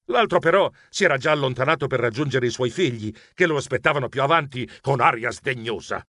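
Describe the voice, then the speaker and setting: A man's voice: medium pitch, animated, a little fast, sharp tone, no echo, studio quality. A man narrating a children's story in first person as an anxious, clumsy male mouse, stammering and melodramatic. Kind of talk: expressive audiobook narration.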